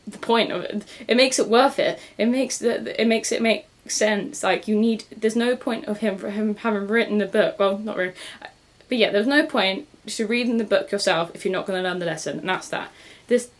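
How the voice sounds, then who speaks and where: A woman's voice: medium pitch, moderate pace. A young woman chatting casually about books she read, rambling and correcting herself with frequent laughs. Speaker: book vlogger. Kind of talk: casual book review chat.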